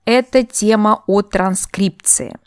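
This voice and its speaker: A woman's voice: medium pitch, fairly even intonation, takes it slowly, clear, resonant tone, no echo, clean studio sound. A woman who teaches English, speaking in a reflective, explanatory way as she answers a listener's question on her podcast. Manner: reflective, explanatory, shares a personal opinion.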